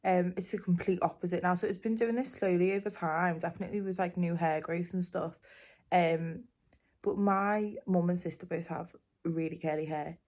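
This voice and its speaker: A young woman with a Liverpool accent talks straight to camera from her home, her voice sitting a little low. She rambles easily, stringing thoughts together with plenty of "um" and "like.". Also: fairly even intonation, moderate pace, darkish tone. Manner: chatty, rambling, lots of "um" and "like". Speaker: vlogger. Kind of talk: casual chat to camera.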